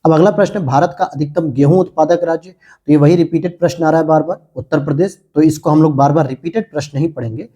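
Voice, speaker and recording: Husky-voiced man quizzing and answering himself. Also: a little high, steady tone, fast talker, mellow, lo-fi sound. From India. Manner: asks questions then answers them himself. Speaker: exam coaching teacher. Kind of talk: exam prep lecture.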